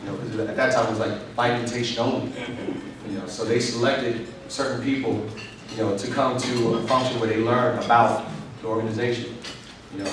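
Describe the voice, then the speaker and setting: In a big convention hall, a middle-aged man from New York, United States, whose first language is English, delivers a loose, chatty keynote sprinkled with "you know" fillers. He has a mid-range voice. Captured from a distance, the audio is echoey and carries background noise.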